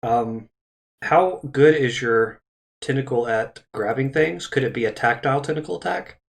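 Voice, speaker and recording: A man's voice: medium pitch, normal speed, creaky. A man running a tabletop game as dungeon master, rambling and punning and often correcting himself. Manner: rambling, punny, self-correcting.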